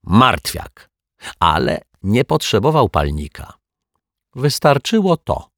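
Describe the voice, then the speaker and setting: A man voicing a calm, clever male detective in a children's story, speaking in a matter-of-fact way. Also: on the low side, slow pace, no room sound, studio quality, pitched above the performer's own voice, exaggerated voice.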